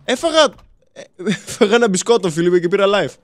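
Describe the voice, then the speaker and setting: A young man chats through a scary game with a friend, his voice pitched high and swinging widely as he yelps and laughs at every fright. The sound is dry and close, as on a headset mic. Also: lively intonation, no echo. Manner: jumpy, yelps and laughs when scared. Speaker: gaming co-host. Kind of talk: casual let's-play chat.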